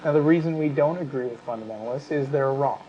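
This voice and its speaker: Heard through a muffled recording, a man with an American accent argues a point in a conversational talk-show-host manner. His mid-range voice is mellow, and he frequently stops partway through sentences.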